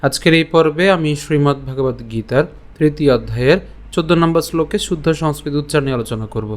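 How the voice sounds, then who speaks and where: A young man teaching an online lesson, slowly explaining the pronunciation of a verse syllable by syllable and often checking that listeners follow. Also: a little high. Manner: slow, careful syllable-by-syllable explanation with frequent check-ins. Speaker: Sanskrit recitation teacher.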